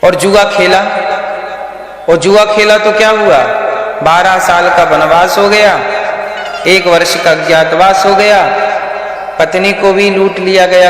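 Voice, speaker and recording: A man giving a slow religious discourse, questioning his listeners directly. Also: high-pitched, a bit bright. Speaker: preacher. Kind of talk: Hindi scripture discourse. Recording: echoey hall with faint music.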